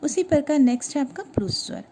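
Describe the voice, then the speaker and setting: A woman teaching a grammar lesson to schoolchildren, explaining step by step and asking questions that she then answers herself, slowing down to sound out each letter. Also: high voice, expressive, mellow, a little hiss or hum.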